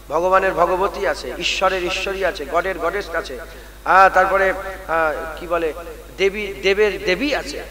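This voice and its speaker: A man preaching a sermon at a large gathering, moving from calm teaching to loud chanted exhortation and calling on the crowd to respond. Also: sits high. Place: large outdoor religious gathering. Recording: long reverb from a public address system, loud crowd.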